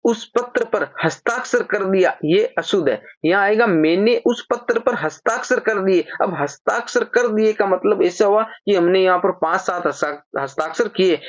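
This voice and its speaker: A teacher gives an exam-prep grammar lesson, patiently explaining and slowly repeating example sentences. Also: medium pitch, dry recording. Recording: slightly dull, dry lo-fi recording.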